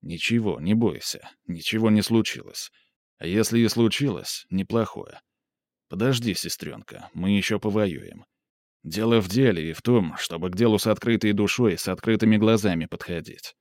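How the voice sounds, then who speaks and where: A man reading aloud and voicing a brooding, quick-tempered young man, low and intense. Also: lively intonation, darkish tone, no echo, studio quality.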